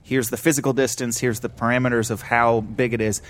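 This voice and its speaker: A man's voice: medium pitch, flat delivery, brisk, a bit bright. A man in a casual film discussion, talking animatedly and swearing freely.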